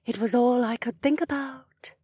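A man's voice: very high voice, fairly even intonation, normal speed, a little mellow, slightly rough, no echo, studio quality, pitched above the performer's own voice. A man voicing a flirtatious winged fairy queen who purrs and teases in a regal manner. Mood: teasing. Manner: purring, coy and teasing.

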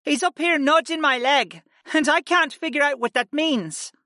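A man's voice: very high-pitched, normal speed, bright, forceful tone, dry recording, clean studio sound, voice pushed up, heavily acted. A man voicing an upbeat, teasing young woman who is looking after the household in an audiobook. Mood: curious.

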